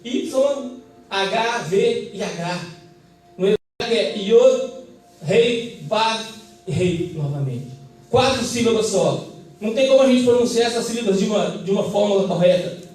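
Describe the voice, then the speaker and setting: A man's voice: high-pitched, animated, measured pace, a little mellow. A man with a Brazilian Portuguese accent preaching a fervent sermon and calling for amens from the congregation. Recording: echoey church hall, mic at a distance.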